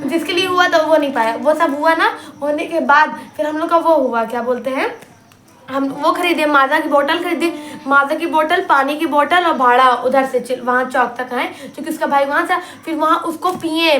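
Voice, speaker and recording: High bright-voiced young woman. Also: normal speed, roomy sound. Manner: animated, acts out quotes, laughs often. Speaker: student recounting her farewell. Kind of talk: casual storytelling chat.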